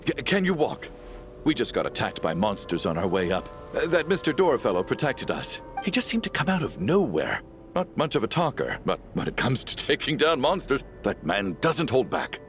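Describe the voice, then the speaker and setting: Game role for a male actor: kindly middle-aged father, excitable and stammering, hugely animated pitch, music underneath. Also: moderate pace, close to an everyday voice. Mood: excited, urgent. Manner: hesitant, stammering, exclaiming. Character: chatty, kindly, excitable father, anxious and easily awed. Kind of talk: video game voice acting.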